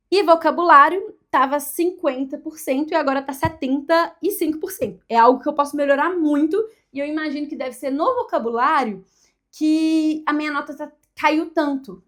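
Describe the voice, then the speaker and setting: A woman with a Brazilian Portuguese accent, chatting casually to the camera at her desk and thinking aloud, often tagging her sentences with quick questions to the viewer. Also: sits high. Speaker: vlogger.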